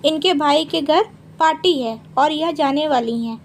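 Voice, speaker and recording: A woman voicing a sharp-tongued young daughter-in-law who speaks out loudly and bitingly. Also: sits high, unhurried, a little hiss or hum. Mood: defiant. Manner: loud, biting, outspoken.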